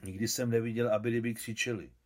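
A man reading aloud, voicing an excitable, curious young boy who speaks loudly and eagerly. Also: mid-range voice, lightly acted.

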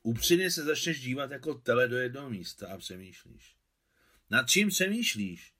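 A man's voice: medium pitch, very animated, bright, forceful tone, voice pushed up. A man reading aloud and voicing a fussy, nagging old village woman. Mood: scolding. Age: older. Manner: scolding, fussy. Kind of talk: audiobook reading.

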